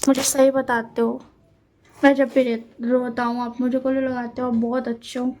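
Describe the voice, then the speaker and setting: A woman voicing a tearful, sulky young man who pleads softly and clings to his older partner. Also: high-pitched, little pitch movement, moderate pace, natural voice.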